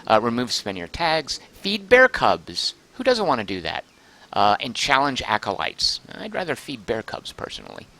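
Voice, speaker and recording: A man streaming a game live, chatting excitedly, thinking aloud and reading chat messages aloud, close to his microphone. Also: medium pitch, normal speed, vocal fry. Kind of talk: live gameplay commentary.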